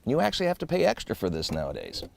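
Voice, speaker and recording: A man's voice: mid-range voice, huge pitch swings, very fast, creaky, noisy background. A man presenting a car review walkaround, with an upbeat, jokey, salesman-like delivery.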